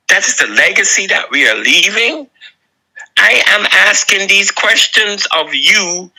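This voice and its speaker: Slow, gravelly Barbadian man preaching. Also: fairly high pitch, bright, forceful tone, low-quality recording. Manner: slow, earnest, preaching with pleading appeals. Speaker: video essayist. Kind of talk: impassioned moral address.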